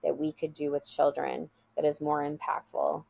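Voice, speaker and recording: Woman guest telling earnest stories, low-ish voice with some fry. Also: completely flat delivery, moderate pace, a little mellow. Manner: earnest, heartfelt storytelling. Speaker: school guide, guest. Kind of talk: casual storytelling interview.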